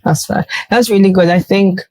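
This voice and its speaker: A woman's voice: medium pitch, normal speed, a little mellow, no room sound, low-quality recording. A woman hosting a podcast conversation, speaking thoughtfully and earnestly with frequent restarts. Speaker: podcast host. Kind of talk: reflective conversational chat.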